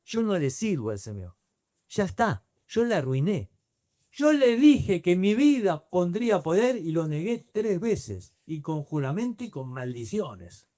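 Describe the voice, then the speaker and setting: A man with a Rioplatense accent voicing the apostle Pedro as a remorseful fisherman who speaks in low, dejected self-reproach. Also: big pitch swings, unhurried, mellow, no room sound, studio quality. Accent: Rioplatense Spanish.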